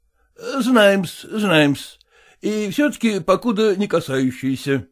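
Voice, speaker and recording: A man's voice: high voice, very animated, voice pushed up, exaggerated voice. Man doing a smug, fawning old-style merchant. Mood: placating. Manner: obsequious, drawn-out, adding a polite "-s".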